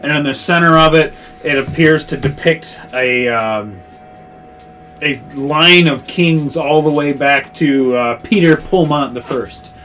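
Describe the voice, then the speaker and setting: A man running a tabletop game as game master, narrating in a loose, halting way with many fillers. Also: a little high, fairly bright tone, faint music behind.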